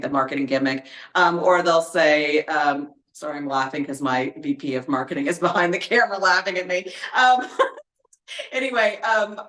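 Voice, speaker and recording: A woman's voice: low-pitched, fairly bright tone, roomy sound. A woman speaking as a guest expert and author in a casual podcast conversation, explaining things in a chatty way with lots of fillers and everyday examples.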